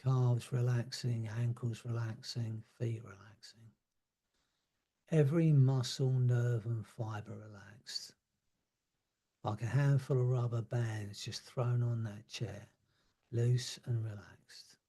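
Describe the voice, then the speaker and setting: A man leading a guided hypnosis relaxation, speaking slowly and soothingly and letting his words trail off softly. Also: mid-range voice, steady tone, breathy edge. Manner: slow, soothing, drawn-out phrasing with soft trailing words.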